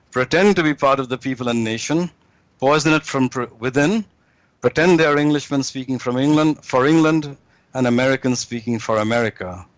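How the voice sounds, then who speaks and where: A man speaking as an interview guest, holding forth in a measured, deliberate lecturing way, often pausing on fillers. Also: mid-range voice, dry recording. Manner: measured, deliberate, with frequent hesitations. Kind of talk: lecturing commentary.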